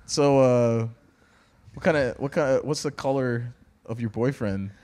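A man's voice: mid-range voice, measured pace, a little mellow. A man hosting a casual podcast, blunt and swearing, with many restarts. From Tamil heritage. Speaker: podcast host. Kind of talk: casual chat.

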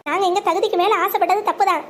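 A woman's voice: extremely high pitch, fairly even intonation, fast, background noise. A woman voicing a proud, heartbroken young bride in a cartoon, bitter and resolute.

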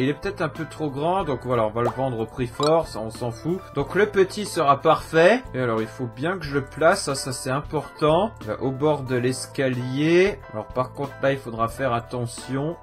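A man's voice: mid-range voice, a bit bright. A young man hosting a casual game tutorial voice-over, chatty and self-mocking, full of fillers and little jokes. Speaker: gaming tutorial host.

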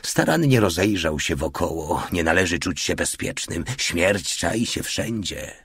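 A male audiobook narrator with a deep, husky voice reads in a measured, steady way. The sound is close and dry, with no room around it. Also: no echo.

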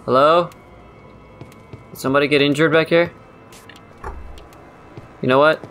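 A man's voice: a little high, fairly even intonation, a little slow, fairly bright tone, soft background music. A man giving frantic let's play commentary, talking to his viewers and repeating words under pressure. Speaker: gaming YouTuber.

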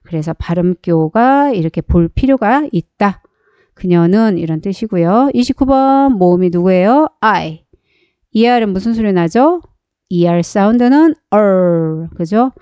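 A woman's voice: mid-range voice, lively intonation, a little slow, mellow, clean tone, no echo, dull audio. A woman teaching a beginner phonics lesson step by step, patiently asking questions and then answering them herself.

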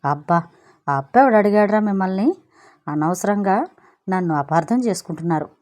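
A woman's voice: medium pitch, expressive, normal speed, darkish tone, natural voice. Woman voicing a cheeky scheming young man. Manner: playful, theatrical.

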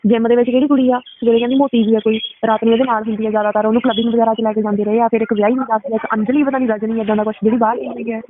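A woman in a heated phone argument, rapidly accusing and retelling what others told her. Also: on the high side, level tone. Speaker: caller. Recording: tinny phone call recording, faint hiss.

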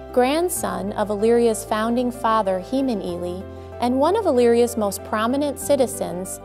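A woman reading a scripted documentary narration in a measured, proud manner. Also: fairly high pitch. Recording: voice-over with music behind. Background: music.

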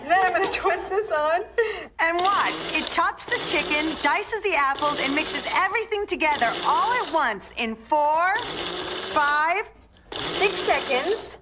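A woman's voice: very high-pitched, expressive, a little slow, noisy background. A woman playing a perky, emphatic housewife doing a hard-sell infomercial demonstration. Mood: upbeat selling. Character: perky enthusiastic housewife demonstrating a kitchen gadget. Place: studio kitchen set.

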